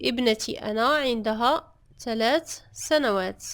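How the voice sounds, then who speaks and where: A woman teaching French grammar, saying each example phrase slowly and carefully, repeating it, then translating it. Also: on the high side, a bit bright, dry recording. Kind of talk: slow, deliberate grammar lesson.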